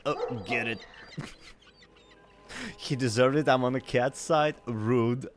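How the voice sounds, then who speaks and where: A man's voice: medium pitch, slow pace. A man giving casual, chatty commentary while playing a game for his chat. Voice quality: chatty, giggly reactions. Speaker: gaming streamer. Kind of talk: casual let's-play commentary.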